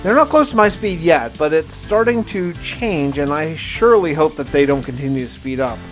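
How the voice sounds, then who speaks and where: A fairly high-pitched, expressive man narrates his survival game playthrough at a moderate pace, music behind him. He's a roleplaying gaming host, telling it as a conversational first-person story.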